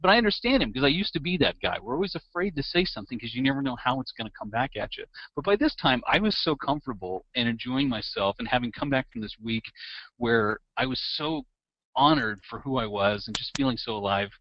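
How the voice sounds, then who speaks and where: Male podcast host, lively storyteller, mid-pitched, muffled lo-fi mic, dry close sound. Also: fast, no echo. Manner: lively, laughing anecdotal delivery. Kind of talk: animated storytelling in interview. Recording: dull, slightly lo-fi dry sound.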